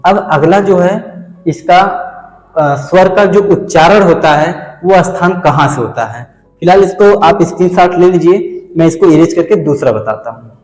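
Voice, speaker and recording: A male teacher with a high voice leads an exam-prep grammar lesson. He keeps firing questions at the class, answers them himself, and calls his viewers friends and kids. His voice rings around a roomy space with a long, trailing reverb. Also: moderate pace, a little mellow, soft background music. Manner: demonstrates sounds by saying them over and over. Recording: echoey room with a long reverb.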